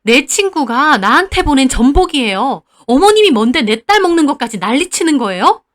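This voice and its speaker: A woman's voice: sits high, lively intonation, moderate pace, fairly bright tone. A woman voicing a middle-aged mother who confronts her in-laws sharply and without letting up. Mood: angry.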